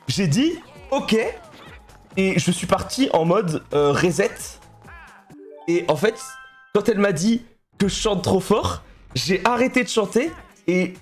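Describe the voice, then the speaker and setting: Chatty young French man streaming. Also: high-pitched. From France. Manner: chatty, storytelling, laughs often. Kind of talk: casual live-stream chat while gaming.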